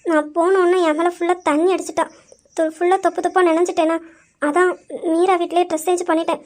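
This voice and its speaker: Brief: woman as a polite, rambling college girl, very high voice, amateur drama. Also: level tone, fast talker, darkish tone. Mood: explaining. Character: young college girl, explaining herself politely.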